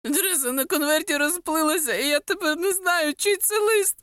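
A woman's voice: extremely high pitch, normal speed, fairly bright tone, no room sound, clean studio sound, pitched above the performer's own voice. Woman doing a tearful wolf postman. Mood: upset. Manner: upset, explaining. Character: tearful young male wolf postman, earnest.

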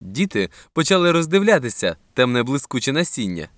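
A storyteller narrating a children's storybook in an expressive, gently paced reading. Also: medium pitch, brisk, dry recording.

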